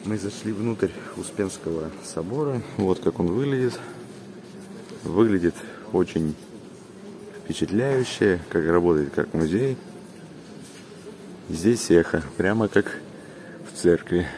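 A man's voice: low-pitched, expressive, takes it slowly, pauses often, background noise. A man vlogging inside a large cathedral, with cathedral echo on his voice, hesitantly reading the signs aloud with filler sounds. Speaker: travel vlogger. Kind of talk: casual vlog narration, reading signs aloud.

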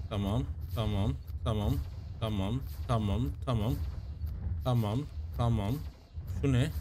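Excitable young man commenting on gameplay. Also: a little high, a little hiss or hum. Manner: talks to viewers and his creatures, repeats himself, gets loud and excited in fights. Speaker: gaming YouTuber. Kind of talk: casual let's-play commentary.

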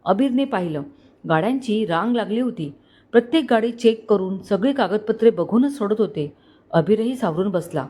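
A woman storyteller reading a romance aloud, steady and expressive. Her voice sits at a middling pitch. She delivers it as scripted narration for an audio story channel. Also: normal speed, breathy edge.

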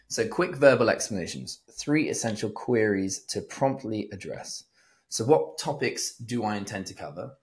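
A man co-hosting a book summary, reading out points and then chatting casually. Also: medium pitch. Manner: reads lists plainly, then chats casually. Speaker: podcast co-host.

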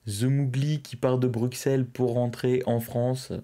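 A man's voice: mid-range voice, little pitch movement, unhurried, warm tone. A young man hosting a live stream, casually chatting and reading out viewers' messages. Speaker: livestream host. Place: indoors, at a streaming desk.

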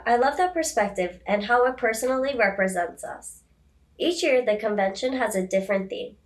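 A teenage girl hosting a student podcast interview, upbeat and reading from a script. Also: on the high side. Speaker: podcast host.

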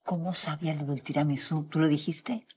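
An actress playing a composed, faintly aloof restaurant owner. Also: female voice, low voice, fairly even intonation, a little fast, husky. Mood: poised. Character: cool, poised woman restaurant owner.

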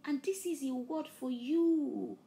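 Preaching slowly in a high-pitched, gravelly voice, a woman who is both preacher and host calls listeners to the altar during her sermon. She is a first-language Yoruba speaker, and her fervor rises to loud emphatic bursts before dropping to hushed near-whispers.

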